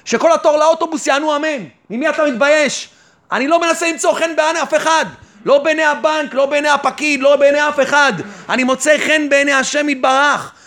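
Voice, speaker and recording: A rabbi giving a fervent sermon, who keeps asking the listener rhetorical questions and answering them himself. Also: male voice, extremely high pitch, pushed and bright. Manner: fervent, exhorting the listener directly. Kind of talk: sermon on faith and trust.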